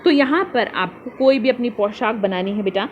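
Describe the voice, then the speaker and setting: A woman's voice: on the high side, normal speed, dull audio, slight background noise. Patient woman teacher explaining a worksheet. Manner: patient, spells out answers and addresses pupils as beta. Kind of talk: worksheet tutorial for young children.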